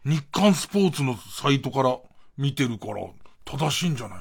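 A man's voice: medium pitch, sing-song, fairly quick, vocal fry, husky. A man hosting late-night radio in a casual comic monologue, rambling with asides and exclamations.

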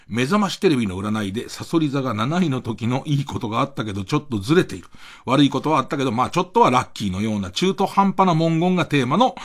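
A middle-aged man talks on his late-night radio show, his husky voice on the higher side for a man and leaping all over in pitch. He rambles through a loose monologue into a close studio mic, laughing between his remarks. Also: a bit bright.

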